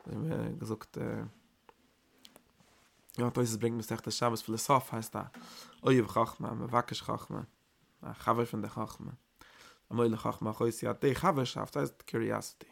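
A man's voice: fairly low pitch, steady tone, normal speed, creaky, long pauses. A man giving a Torah lecture, talking in emphatic bursts and circling back over his phrases with small hesitations. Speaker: Torah teacher.

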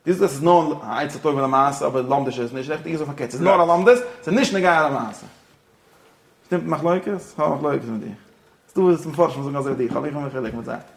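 A man teaching a religious-philosophy lesson, talking rapidly and repeating himself, dropping English phrases into his explanations. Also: on the high side, vocal fry. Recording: echoey room.

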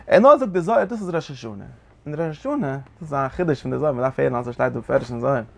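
A man teaching a Zohar lesson in an animated lecturing way, often asking his listeners short questions. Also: mid-range voice, racing, creaky. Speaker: Torah teacher.

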